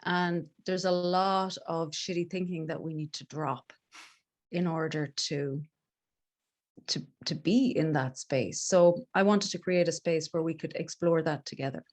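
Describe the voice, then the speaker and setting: A woman's voice: deep voice, steady tone, a little slow, a little mellow. A middle-aged woman with a west of Ireland accent, talking casually and reflectively as an interview guest in a candid, informal way. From Galway, west of Ireland. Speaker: podcast guest, life coach.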